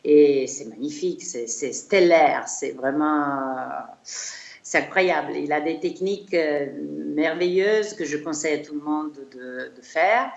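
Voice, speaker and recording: A woman's voice: deep voice, a little slow, echoey room, dull audio. A middle-aged Italian woman speaking French with an Italian accent, a chiropractor talking as a guest in a casual interview, hesitant with many fillers and restarts. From Italy.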